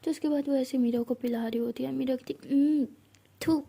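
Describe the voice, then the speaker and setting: A woman's voice: high voice, steady tone, fast talker, gravelly, background noise. A woman telling a love story in a loose, informal way with many fillers. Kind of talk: casual spoken storytelling.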